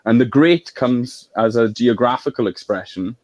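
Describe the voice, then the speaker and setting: A man's voice: mid-range voice, moderate pace, a little mellow, no echo, muffled recording. A man from Wales in a political discussion, explaining at length in a lecturing way.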